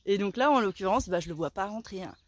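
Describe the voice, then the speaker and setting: A woman in her forties telling a story in a casual vlog, animated and dramatic, with a sore throat that keeps her softer than usual. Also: mid-range voice, fast. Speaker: vlogger.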